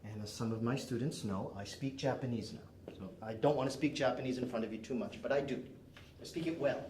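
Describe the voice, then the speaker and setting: Brisk and a little mellow, the mid-range voice belongs to an English teacher who moved to Canada at age nine. He barks short commands and gives emphatic directions during drills, heard from a distant mic in a roomy indoor classroom with faint noise.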